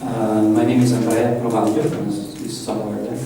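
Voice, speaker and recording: This trainer, an Italian man with a matching accent, runs his workshop casually, asking the room questions as he goes. His warm voice sits on the low side with little pitch movement, and he talks briskly. Captured from afar in a large echoey conference room, the audio carries faint hiss.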